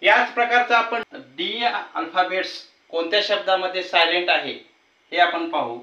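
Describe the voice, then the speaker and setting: Marathi speaking man teaching a class, high bright voice, mic kinda far and dull. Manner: patient, repeats words and rules slowly. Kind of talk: classroom lesson explaining rules. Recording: roomy, slightly distant, dull sound.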